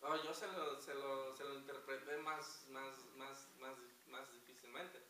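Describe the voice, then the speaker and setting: A man's voice: medium pitch, steady tone, a little slow, a crowd in the background. A man preaching a fervent sermon as pastor, calling the congregation brothers. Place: church. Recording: echoey hall from far off, hiss.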